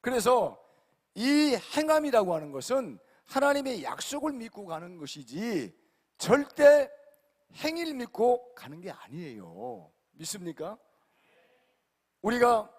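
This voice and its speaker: A male pastor preaching an emphatic sermon, repeatedly questioning his congregation and swinging between loud and quiet. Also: sits high. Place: large church sanctuary. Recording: long hall reverb.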